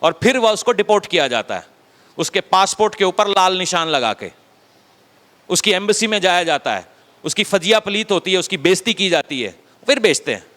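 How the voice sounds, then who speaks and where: A man preaching a sermon as a pastor, talking conversationally and dropping his voice low to stress a point. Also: big pitch swings, moderate pace, fairly bright tone, big-room sound. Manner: conversational preaching, acts out quotes, drops low for emphasis. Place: church hall.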